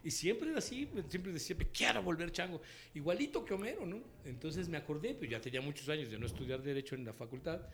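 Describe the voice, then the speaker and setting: Animated Mexican man telling stories. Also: a little high, fast, few pauses, a little hiss or hum. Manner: animated storyteller, acts out quotes, laughs often. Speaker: voice actor and dubbing director. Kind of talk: relaxed interview storytelling.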